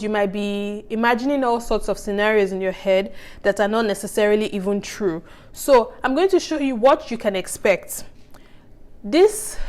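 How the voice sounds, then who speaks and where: A woman's voice: medium pitch, a little mellow. A woman teaching a childbirth course in a casual, conversational lecture, reassuring her listeners and often checking in with them. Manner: many fillers and restarts.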